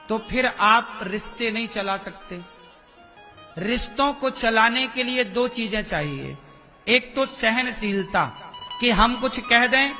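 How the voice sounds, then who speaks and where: Male preacher, very high bright voice, slow sermon delivery with questions to the crowd. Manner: slow, questioning the audience, acts out quoted speech.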